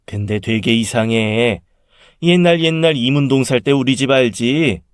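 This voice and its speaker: A man voicing a chatty middle-aged aunt who tells about a dream in a drawn-out, gossipy way. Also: medium pitch, smooth, no echo, clean studio sound, close to an everyday voice. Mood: confiding.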